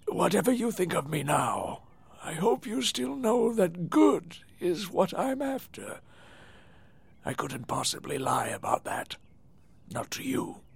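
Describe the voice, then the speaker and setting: An older idealistic mayor in an audio drama, deeply creaky and husky. He speaks slowly and haltingly, with earnest, pleading swings of pitch. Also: no echo, exaggerated voice. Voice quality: gravelly, husky. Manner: halting, deliberate, muttering to himself.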